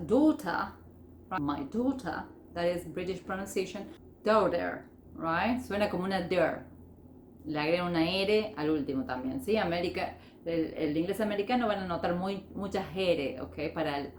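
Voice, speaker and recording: A woman teaching an online language lesson. She keeps checking in with her students and slows down to model example phrases. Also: mid-range voice, darkish tone, roomy sound, a little hiss or hum. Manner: checks in constantly with "ok?" and "sí?". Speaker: English teacher.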